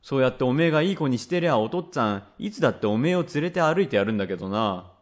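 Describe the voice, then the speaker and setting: A man voicing a rough, quick-tempered father from old Edo, speaking blunt old Edo Tokyo speech in a rakugo tale. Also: mid-range voice, animated, close to an everyday voice. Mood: gruff. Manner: gruff, blunt, grumbling. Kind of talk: rakugo storytelling.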